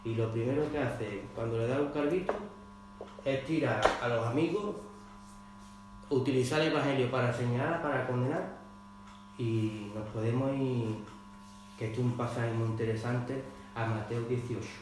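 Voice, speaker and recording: A male pastor delivers an impassioned sermon, his voice at an ordinary middle pitch as he reads scripture aloud with growing force. The sound rings through a very echoey hall, and a faint mains hum sits underneath. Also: normal speed, long pauses.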